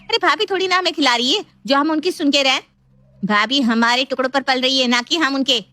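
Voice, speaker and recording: A woman doing a shrill nagging young sister-in-law. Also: a little fast, sharp tone, dry recording, soft background music. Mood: taunting. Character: sharp-tongued young woman, pushy and nagging.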